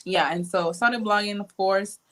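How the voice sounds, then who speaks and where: A young Honduran woman appears as a guest blogger on a livestream, chatting casually from indoors at home and telling stories full of fillers. She speaks over an earphone mic on a video call at a normal speed with a medium pitch, and crowd noise can be heard.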